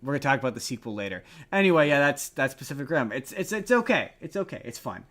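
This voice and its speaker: Talking movies in a laid-back podcast chat, this male co-host sounds very animated and fast, with a medium pitch and a fairly bright tone. He tends to ramble and says things again to stress them.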